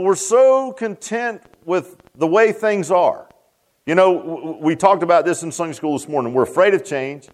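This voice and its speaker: A deep-voiced pastor preaches a sermon to his congregation in a church sanctuary. He repeats himself, restarts his lines, and calls out to the crowd.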